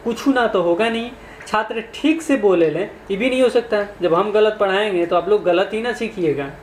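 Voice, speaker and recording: Speaking in a high voice at a moderate clip, a man works through exam questions in a conversational manner and quizzes his audience. There's an echo to the room and a little background noise.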